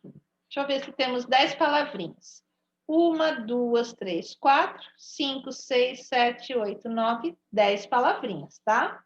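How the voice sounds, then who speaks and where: A woman with a Brazilian Portuguese accent, teaching an online Portuguese lesson to young children and stretching out each word slowly. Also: sits high, lively intonation, reverberant, dull audio. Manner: slow, drawn-out word-by-word dictation. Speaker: primary school teacher.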